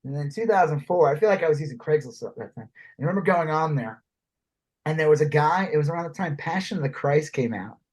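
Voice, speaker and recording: A man co-hosting a podcast in casual chat, telling stories in an animated way, often laughing and swearing. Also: on the high side, quick pace, husky. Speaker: podcast co-host.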